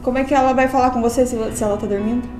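A woman's voice: a little high, steady tone, very fast, darkish tone, soft background music, lightly acted. An actress playing a scheming mother who taunts her daughter and fakes panic to her ex. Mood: wheedling. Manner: mocking, then fakes panic on the phone. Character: manipulative mother, adult woman, scheming. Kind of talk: melodramatic short-drama acting.

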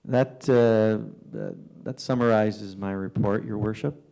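Male councillor, dark, mellow timbre, halting report full of fillers. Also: on the low side, fairly even intonation, creaky. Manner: halting, with many fillers and restarts. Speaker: town councillor giving a report. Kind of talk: formal council report with ad-libbed remarks. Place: council chamber.

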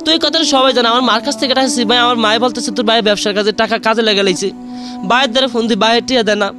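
Young man, high voice, very fast, rambling, music behind. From Bangladesh. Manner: rambling, keeps saying "brother". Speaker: caller sharing a confession. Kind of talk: emotional personal storytelling on radio.

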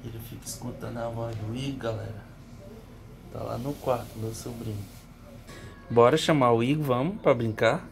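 A man filming his dog at home on a phone, talking low to viewers and calling out in a high, cooing baby-talk voice. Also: moderate pace, creaky, noisy background. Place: home, indoors.

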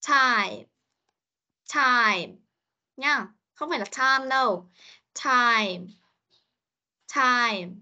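A woman's voice: a little high, fairly bright tone. A woman English teacher, giving an online pronunciation lesson and drilling each sound and word several times. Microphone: video call. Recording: muffled online meeting audio.

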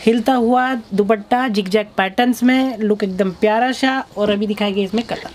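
A man hosting a clothing shop video, pitching suits in an eager sales patter. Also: normal speed, slight background noise. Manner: enthusiastic, hyping prices and looks. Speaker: host presenting clothes in a shop. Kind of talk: fast promotional sales pitch.

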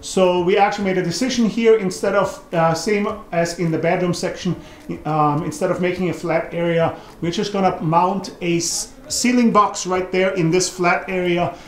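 Guy in his 40s showing off his attic reno, kinda high voice, lots of ums, echoey wood attic. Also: normal speed, slight background noise. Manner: relaxed, thinking aloud with many ums and restarts. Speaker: home renovation vlogger. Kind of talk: casual walkthrough narration. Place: large wooden attic under renovation, indoors. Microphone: camera mic, often off-camera.

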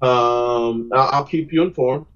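A man's voice: medium pitch, slow pace, a bit bright. Earnest, reflective man on muffled audio. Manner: earnest, reflective, rambling with restarts. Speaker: podcast guest, comic creator. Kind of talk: casual podcast conversation.

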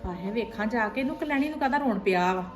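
A woman's voice: on the high side, expressive, fast, over music, lightly acted. A middle-aged woman playing a blunt, scolding village mother. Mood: worried. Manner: scolding, blunt, rhetorical questions. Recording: echoey room.

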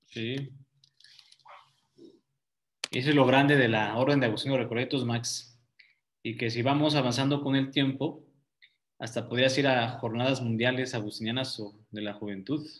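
A man's voice: mid-range voice, steady tone, normal speed, long pauses. A man leading a youth group video call as teacher, coaxing shy students to speak up.

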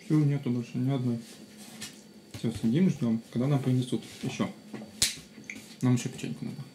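A man's voice: mid-range voice, steady tone, normal speed. A man chatting casually to his pet as its owner, recorded on a camera in a small kitchen. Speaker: dog owner. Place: small home kitchen, indoors. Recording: noisy, clicky home camera audio.

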